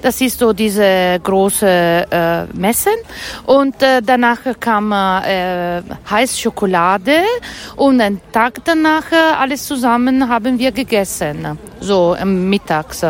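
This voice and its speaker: A woman's voice: medium pitch, lively intonation, slow, slight background noise. A woman from northern Italy with an Italian accent and Italian as her first language, interviewed at an outdoor Christmas market stall, often searching for her German words. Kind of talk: casual interview.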